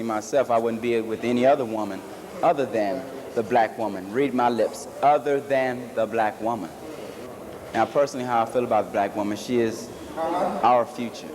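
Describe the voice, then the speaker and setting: A man giving an earnest, declarative opinion in an interview. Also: medium pitch. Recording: noisy old video recording.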